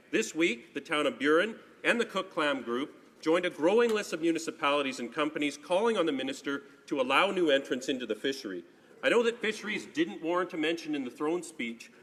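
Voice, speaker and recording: A man's voice: a little high, a bit bright. A man who is a member of parliament delivering a prepared, formal question in a legislative chamber. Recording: echoey legislative hall.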